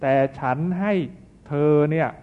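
A man's voice: unhurried, natural voice. A man voicing a wealthy old-time male merchant who patiently explains things. The recording sounds tinny. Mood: explaining.

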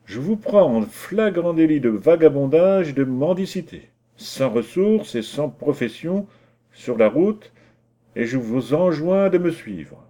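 A man's voice: fairly high pitch, animated, unhurried, warm tone, voice pushed up. A man voicing an officious gendarme in a storybook reading, speaking in stiff, formal terms. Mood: official. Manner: formal, rule-reciting speech.

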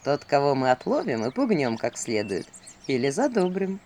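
A woman's voice: very deep voice, very animated, normal speed, mellow, slight background noise, voice pushed down, heavily acted. A woman voicing a grumpy, jealous male owl sidekick with a grumbling, sardonic manner.

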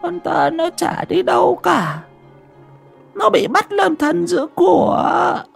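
Woman playing a shrill, panicked old nanny. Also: animated, slow, creaky, soft background music, full character voice. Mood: scolding. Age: older. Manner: wailing, stammering, crying out. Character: elderly nanny, fearful and panicked.

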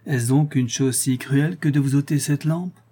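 A man reading an audiobook, voicing a sinister male jailer who speaks gruffly and mockingly. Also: mid-range voice, normal speed, warm tone, close to an everyday voice. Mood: surly, mocking.

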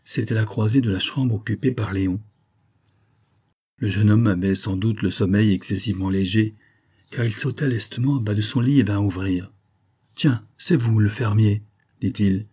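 Low, husky male narrator. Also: normal speed, warm tone. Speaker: audiobook narrator. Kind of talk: scripted narration of a classic novel.

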